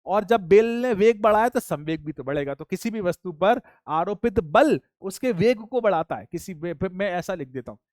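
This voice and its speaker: A high-pitched man gives a physics lecture, saying each key point twice and coaxing his students along. The sound is dry and close, with no room echo. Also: animated, normal speed, few pauses, darkish tone. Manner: repeats key points, addresses students as children. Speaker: physics teacher. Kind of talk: classroom lecture.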